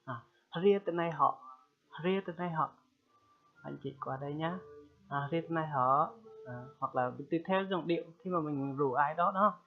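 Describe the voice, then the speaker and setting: A man giving a casual spoken language lesson, repeating phrases slowly and loudly for learners and often checking in with them. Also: a little high. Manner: chatty, checks in with "được chưa?". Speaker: language teacher. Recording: tinny phone-like sound.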